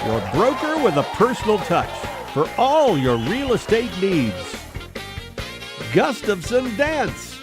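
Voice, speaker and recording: A man reading out the sponsor list in an upbeat announcer's voice. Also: high-pitched. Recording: music bed under voice. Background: theme music.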